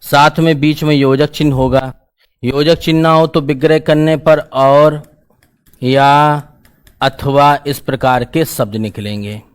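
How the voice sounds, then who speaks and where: A man's voice: on the high side, fairly even intonation, measured pace, clean tone. A male teacher, giving an exam-prep grammar lesson in a casual, repetitive questioning style. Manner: explains in a casual, colloquial style, asks questions and repeats the answers.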